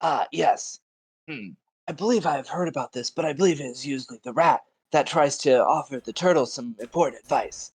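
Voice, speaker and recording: A man's voice: mid-range voice, fairly quick, husky, no echo. A man playing a haughty, skeptical adventurer in a tabletop game, speaking in a mock-formal, condescending way. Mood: musing, formal.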